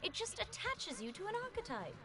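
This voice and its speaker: A woman's voice: extremely high pitch, huge pitch swings, fairly quick, heavily acted. A woman voicing a blunt, haughty, short-tempered young mistress in an anime game. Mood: indignant. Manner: blunt, snappish. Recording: music behind the voice.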